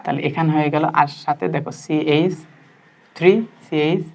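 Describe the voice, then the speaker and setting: A woman's voice: low-pitched, steady tone, normal speed, a little mellow, lo-fi sound. A woman teacher, tutoring a student in chemistry and constantly quizzing and checking that she understands. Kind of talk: interactive tutoring lesson.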